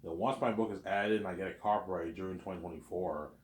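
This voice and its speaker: A vlogger from Quebec in his thirties rambles through a casual monologue, repeating himself and acting out both sides of imagined conversations. He talks fast in a low voice with fairly even intonation, and the sound is roomy with a little hiss or hum.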